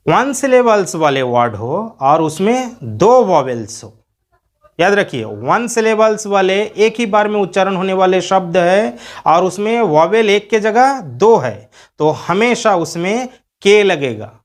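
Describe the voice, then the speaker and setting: A man's voice: sits high, sing-song, unhurried. Indian man spelling out English words. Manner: patient teaching, spells words out letter by letter. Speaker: English grammar teacher. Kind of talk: video lecture.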